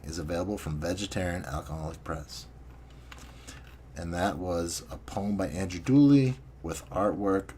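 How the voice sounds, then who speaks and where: A man's voice: low-pitched, darkish tone, slight background noise. A man hosting a small magazine's podcast, chatting casually, swearing now and then, and reading listener submissions and poems aloud. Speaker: magazine host.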